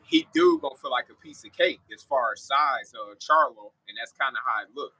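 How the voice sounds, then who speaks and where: A man's voice: medium pitch, very animated, a little fast, sharp tone, slightly rough, poor audio. A man giving his opinions in a casual sports reaction video, repeating phrases for emphasis as a guest commentator.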